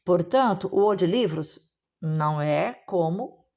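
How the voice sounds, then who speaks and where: A woman teaching a recorded grammar lesson, explaining patiently and often checking in with her students. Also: measured pace. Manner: lively pitch jumps on stressed words.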